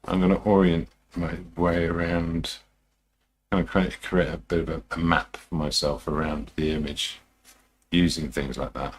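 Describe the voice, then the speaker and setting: A man talking through a live demonstration as a painting instructor, informal and unhurried, muttering his thoughts to himself as he works. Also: low-pitched, flat delivery, breathy edge. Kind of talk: TV painting instructor style, musing aloud while demonstrating.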